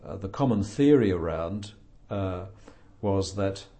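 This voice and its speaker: An older male author, being interviewed, answers in a very deep, mellow voice at a measured, reflective pace, though his intonation stays lively. He often pauses with fillers and slips in dry, understated humor.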